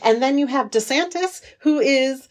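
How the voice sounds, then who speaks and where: Woman chiming in, slightly high voice. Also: moderate pace. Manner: agreeable, chiming in with short remarks. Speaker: book club podcast co-host. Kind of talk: casual chat.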